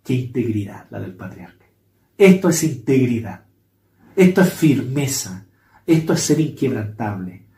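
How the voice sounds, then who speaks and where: A man's voice: mid-range voice, big pitch swings, unhurried, mellow. A man preaching a sermon as pastor, emphatic and fond of repeating his phrases. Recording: echoey room.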